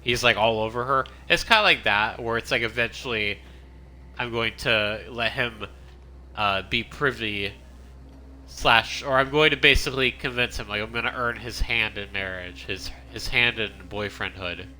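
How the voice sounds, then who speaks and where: Speaking at a moderate pace in a sharp-toned, mid-range voice, a man chats through his game stream. The commentary is casual and rambling, with frequent self-interruptions and restarted sentences.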